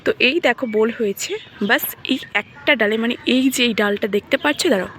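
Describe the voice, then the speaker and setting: A woman's voice: a little high, fast, a bit bright. A young woman vlogging outdoors in a garden, chatting to her viewers while filming on a phone and often asking whether they can see. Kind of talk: casual vlog talk to viewers. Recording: outdoor phone audio with background noise.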